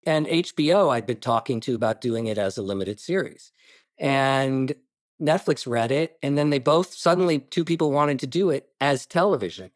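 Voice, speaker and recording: A man, a writer-director being interviewed, telling stories in an animated way with quick asides and restarts. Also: mid-range voice, no echo, studio quality. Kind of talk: casual interview talk.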